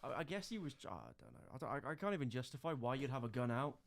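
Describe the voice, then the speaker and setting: A man chatting and joking as a podcast co-host, quick and animated. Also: medium pitch, vocal fry. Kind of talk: casual chat.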